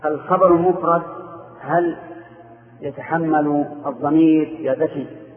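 Over a tinny, phone-like line from an echoey room, a man with a slightly high voice questions his Arabic grammar class. He speaks at a measured pace with fairly even intonation, confirming students' answers with brief replies.

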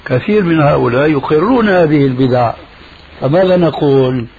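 A man's voice: a little high, lively intonation, brisk, a crowd in the background. Pressing male scholar on muffled radio. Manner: pressing, argumentative, rhetorical questions. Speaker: religious scholar answering callers. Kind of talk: call-in radio Q&A.

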